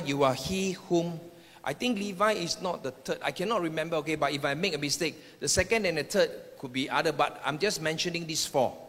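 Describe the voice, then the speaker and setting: A man with a somewhat high, slightly bright voice preaches emphatically, repeating phrases as he delivers personal prophetic words to the congregation. The sermon is recorded in an echoing hall with long reverb.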